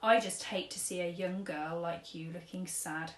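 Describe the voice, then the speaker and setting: A woman voicing a kindly, wise old man who talks gently in an old-fashioned way, in an echoey room. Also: on the low side, fairly even intonation, normal speed, lightly acted.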